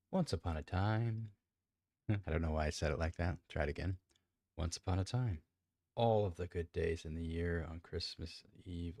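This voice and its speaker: A man's voice: deep voice, darkish tone, no room sound, clean studio sound. A man reading a classic novel aloud, often stumbling, restarting lines and commenting on his own reading. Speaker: amateur reader.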